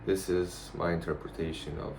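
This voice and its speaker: A man giving a casual, rambling vlog monologue in a blunt, profane, halting way. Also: deep voice, steady tone, gravelly. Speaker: vlogger. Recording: noticeable background noise.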